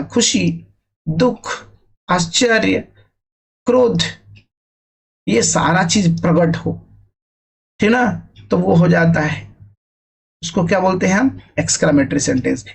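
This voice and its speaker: A man's voice: sits high, creaky, husky. A man teaching an English grammar lesson in a conversational way, often checking in with his students and acting out example phrases. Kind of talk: classroom-style grammar lesson.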